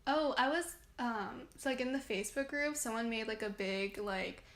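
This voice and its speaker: A woman's voice: a little high, moderate pace, fairly bright tone, reverberant. A young woman guest in casual chat, rambling with lots of "like" and "um". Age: young adult.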